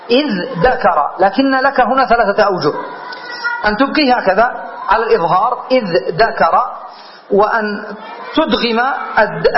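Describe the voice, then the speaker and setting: A man's voice: extremely high pitch, a little hiss or hum. A sheikh teaching Arabic grammar in a classroom lesson, explaining step by step and checking whether his listeners follow. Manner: patient step-by-step explaining, checks understanding with questions. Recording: dull lo-fi lecture recording.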